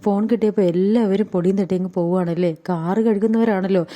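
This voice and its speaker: A proud, stubborn young man who washes cars for a living, voiced by a woman telling the story. The delivery is rapid and the tone very dark and mellow. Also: medium pitch, steady tone, lightly acted. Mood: defiant.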